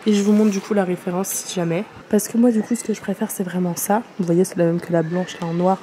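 A woman's voice: medium pitch, dark tone, a little hiss or hum. A young woman chatting casually to camera as a lifestyle vlogger, rambling and thinking aloud to her viewers. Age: young adult. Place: home living room, car and furniture store.

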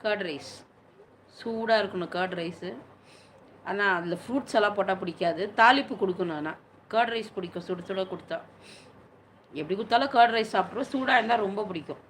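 A woman's voice: medium pitch, a little fast, long pauses, a little hiss or hum. A woman chatting casually on a live stream, answering viewers' questions at length.

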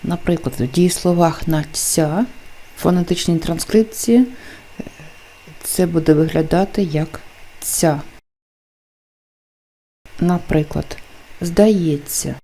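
A woman teacher explaining pronunciation rules in a deliberate lesson, carefully enunciating example words. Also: lowish voice, mellow. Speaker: language teacher.

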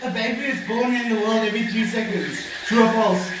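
A man's voice: high voice, fairly quick. A young man in casual banter with his friends. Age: young adult. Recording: echoey, very noisy, far from camera mic.

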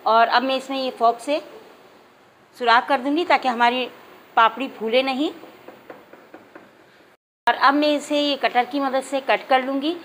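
A woman with a high, clear voice walks viewers through a home recipe step by step. She talks in a calm, instructive way and keeps addressing her audience directly. A faint hiss of noise sits under the recording. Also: unhurried, long pauses, poor audio. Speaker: cooking channel host. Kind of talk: step-by-step cooking demonstration. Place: home kitchen.

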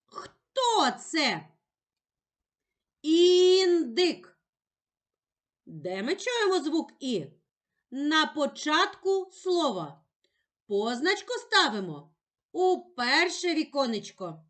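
A woman teaches young children in a very slow, carefully articulated voice. She sits fairly high in pitch and lifts her intonation in a lively, sing-song way, stretching out each word she wants heard. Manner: drawn-out, sing-song emphasis on words and sounds.

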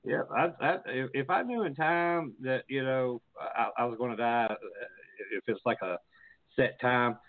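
A man's voice: mid-range voice, normal speed, dry recording. Profane rambling male podcast host. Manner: profane, rambling, stumbling restarts. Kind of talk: casual interview chat. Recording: tinny phone-like dry sound.

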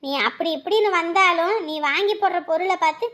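Very high, bright-voiced woman. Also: a little fast. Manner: chatty, scolding, neighbourly. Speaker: performer voicing village women. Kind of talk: village comedy skit dialogue.

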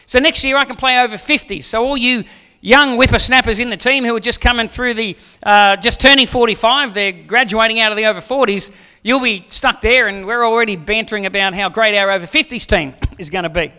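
A man's voice: high voice, fairly quick, pushed and bright, clean tone. A man in his forties, a pastor preaching a sermon on a church stage into a handheld mic, joking with the audience and then pressing questions. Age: 40s.

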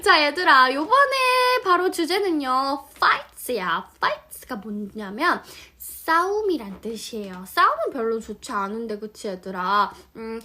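A woman with a high, pushed, bright voice teaches children English vocabulary in a playful, sing-song style, acting out little scenes, recorded on a phone filming vertical video.

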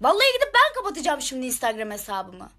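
A woman's voice: high voice, huge pitch swings, quick pace, pushed and bright. A woman ranting angrily to her viewers in a live stream, exasperated and shaking with anger, firing the same questions again and again. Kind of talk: angry live-stream rant.

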